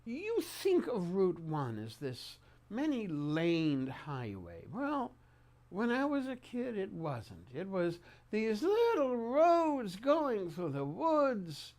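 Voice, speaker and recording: An older man with a slightly high voice recounts his memories at a very unhurried pace. He halts often, repeating words and pausing partway through sentences, in the style of an oral-history interview. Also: wildly swooping pitch, a little mellow. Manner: halting, with repeated words and mid-sentence pauses.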